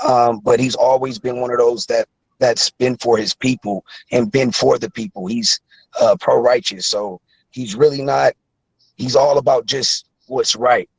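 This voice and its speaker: A man's voice: medium pitch, creaky, slightly rough, no echo, rough recording. A man in his thirties calling in to a talk show, speaking earnestly and rambling with many fillers. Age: 30s. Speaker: caller. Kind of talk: casual call-in chat.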